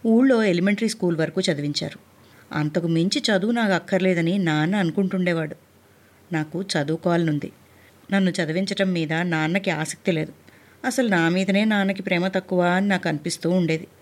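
A woman's voice: on the low side, fairly even intonation, fairly quick. A woman narrating a first-person memoir in an earnest, heartfelt storytelling manner. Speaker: audiobook narrator.

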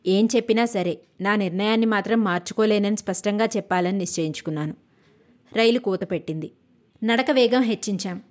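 Woman narrator, audiobook, measured even delivery. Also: mid-range voice.

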